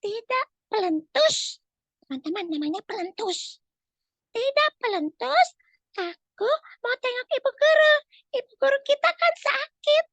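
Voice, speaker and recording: Aulia, a squeaky little girl. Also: sing-song, measured pace, pauses often, a bit bright, dry recording, full character voice. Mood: earnest. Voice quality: squeaky high childlike voice. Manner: earnest, chatty, talks to the young audience. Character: sweet, earnest little schoolgirl. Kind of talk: storytelling for children.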